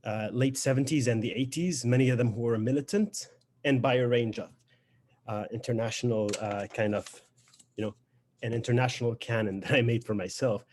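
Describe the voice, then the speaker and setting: A man's voice: medium pitch, a little fast, darkish tone. Lebanese-accented man, reflective and hesitant. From Beirut, Lebanon. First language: Lebanese Arabic. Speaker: poet. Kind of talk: informal spoken introduction to a poetry reading.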